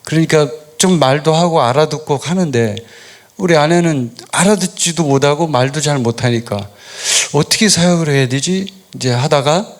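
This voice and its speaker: A middle-aged man, a pastor, preaching a sermon in a relaxed storytelling way, asking questions and answering them himself. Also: a little high, moderate pace. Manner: storytelling, conversational, asks and answers his own questions. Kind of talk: sermon with personal stories.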